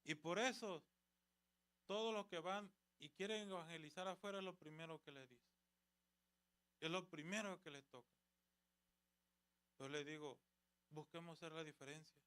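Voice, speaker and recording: A man's voice: fairly high pitch, moderate pace, pauses often, fairly bright tone, smooth. A man preaching at a church youth service, exhorting with rhetorical questions and retelling conversations. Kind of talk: sermon.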